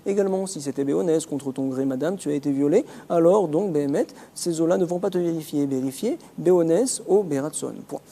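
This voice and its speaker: A man with a French accent teaching a word-by-word Talmud lesson, explaining the text quickly and mixing in Hebrew and Aramaic terms. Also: a little high, mellow, big-room sound.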